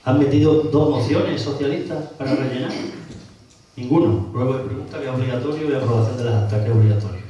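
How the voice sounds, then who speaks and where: A man's voice: mid-range voice, quick pace, dark tone, slight background noise. A man with an Extremaduran Spanish accent, an opposition town councillor making a combative council meeting speech and hammering his opponents with repeated questions. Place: council chamber. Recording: very echoey hall, distant mic.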